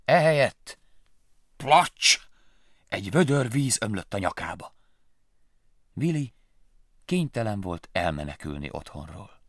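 A man reading a children's story aloud with expressive, lively storytelling. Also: on the low side, pauses often, no room sound, studio quality.

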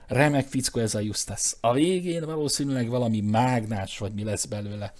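A man narrating a comic story aloud, shifting his voice for the characters in the dialogue. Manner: lively, shifts pitch for quoted characters. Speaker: audiobook narrator.

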